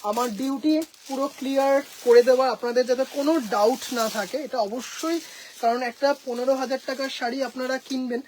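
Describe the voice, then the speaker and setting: A woman's voice: high voice, level tone, fast, a little mellow, slight background noise, rough recording. A woman with a Bengali accent presenting sarees for sale from her home boutique, enthusiastic and mixing English phrases into her talk. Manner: enthusiastic, mixes English phrases, addresses viewers as sisters. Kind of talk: live sales showcase.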